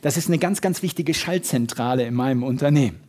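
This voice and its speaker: A man giving a motivational sales seminar, lively and full of emphasis, acting out little everyday scenes. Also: medium pitch, a little fast. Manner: lively, shifts loud and soft for emphasis, acts out little scenes. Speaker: sales trainer.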